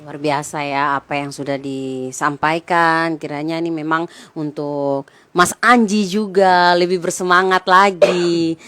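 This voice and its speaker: A woman hosts an interview program, affirming what her guests share and leading into her next questions with polite, drawn-out phrasing. Her voice sits quite low for a woman. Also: fairly even intonation, fairly bright tone, clean tone. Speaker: talk show host. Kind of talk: talk show interviewing.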